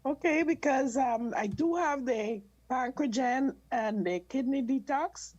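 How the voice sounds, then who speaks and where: Slightly high woman, hesitant. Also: unhurried, darkish tone, dull audio. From Guyana. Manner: hesitant, restarts and repeats words. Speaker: caller seeking advice. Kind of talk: casual conversation. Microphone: video call.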